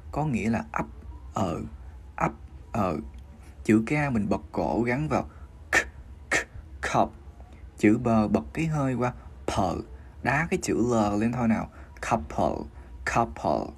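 Husky man teaching pronunciation slowly. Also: fairly low pitch, darkish tone. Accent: Vietnamese. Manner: slow, syllable-by-syllable modeling of English words. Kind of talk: pronunciation lesson livestream.

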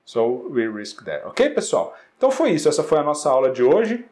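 A Brazilian man with a Brazilian Portuguese accent teaches English in a classroom style, his voice sitting a little high and moving up and down a lot. He says each English phrase slowly and carefully, then explains it in Portuguese, with a steady "né?" and "ok?" after nearly every point. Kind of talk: classroom-style lesson correcting exercises.

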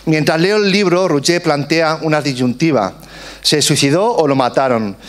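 A man in his forties with a somewhat high voice reads his prepared testimony aloud at a book presentation. His delivery is earnest and emphatic, and it builds at points into slogan-like declarations. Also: normal speed, heavy background noise.

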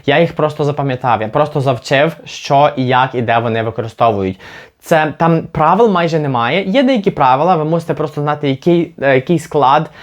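A man from Ukraine teaching an English lesson, patiently repeating example words slowly to demonstrate them. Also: a little high. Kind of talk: language lesson.

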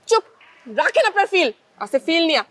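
An actress playing an impatient young woman in a TV comedy drama who snaps at a man and demands the flat he promised. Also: extremely high pitch, moderate pace, dry recording, full character voice. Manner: snappish, demanding.

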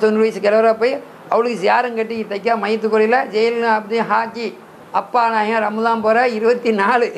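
A man preaching a devotional sermon, his voice pitched high with a gravelly, creaky edge. He tells his stories at length and puts questions to his listeners, then answers them himself. Faint noise sits under the recording. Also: low-quality recording. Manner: storytelling, acts out dialogues and drills questions. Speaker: Sufi shaikh giving a Ramadan discourse.

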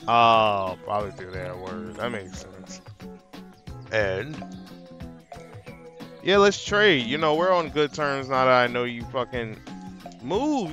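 Male gamer, mid-pitched and unhurried, profane joking commentary over a soundtrack. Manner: joking, profane, riffing and repeating phrases. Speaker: gaming streamer narrating playthrough. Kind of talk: casual game commentary with slang, reading dialogue aloud. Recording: game music behind voice.

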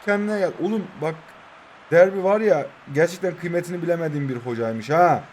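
High-voiced young man calling game plays. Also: fairly quick, noisy background. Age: 20s. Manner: jokey, talks to his players and viewers. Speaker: mobile football game YouTuber. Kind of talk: excited gameplay commentary.

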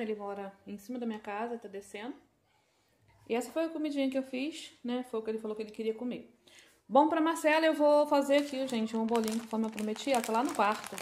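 A woman's voice: fairly high pitch, darkish tone. A Brazilian woman chatting to viewers as she cooks in her home kitchen, filmed on a phone. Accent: Brazilian Portuguese. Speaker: home vlogger. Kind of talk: casual home vlog.

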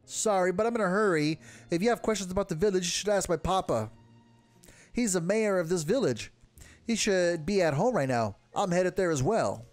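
A man reading game dialogue aloud as a hurried village child, the mayor's kid, in a rushed, matter-of-fact way. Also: high voice, lively intonation, soft background music, pitched above the performer's own voice.

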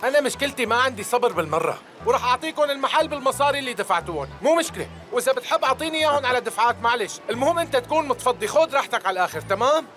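Very high-voiced slippery Syrian swindler. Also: male voice, expressive, very fast, few pauses, bright, forceful tone, soft background music, full character voice. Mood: ingratiating. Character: blustering small-time swindler, slippery and ingratiating man. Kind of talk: dubbed TV drama acting.

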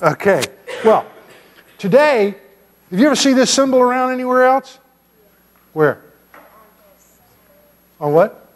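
An older man, a pastor giving a children's sermon in a church sanctuary, gently and playfully asking the kids questions. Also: very high-pitched, animated, unhurried, long pauses, slight background noise. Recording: long church reverb.

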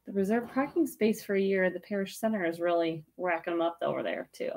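A woman in her thirties with a fairly low, darkish voice talks fast while casually co-hosting an online auction over a webcam. Chatty and giggly, she checks messages during the livestream from a small indoor room with tiki decor.

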